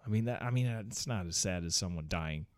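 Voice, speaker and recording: A man's voice: sits low, a little fast, no room sound. A man in his thirties hosting a casual solo podcast from home on a close mic, rambling with lots of fillers and restarts, swearing freely and chuckling often. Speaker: podcast host.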